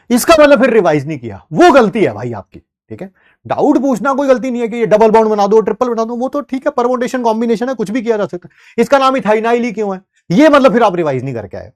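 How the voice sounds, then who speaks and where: Chem teacher guy on a live class, lively up-and-down voice, fairly high, jokey and teasing. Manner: playful, teasing students while writing on the board. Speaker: chemistry teacher. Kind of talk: live online class, chatty explanation.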